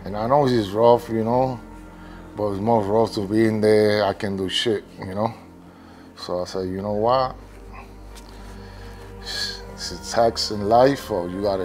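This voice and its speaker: Deep-voiced rough-spoken middle-aged man. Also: fairly even intonation, measured pace, darkish tone, soft background music. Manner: emotional, rough-spoken, swearing. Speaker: interviewee, boxer's father. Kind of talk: documentary interview.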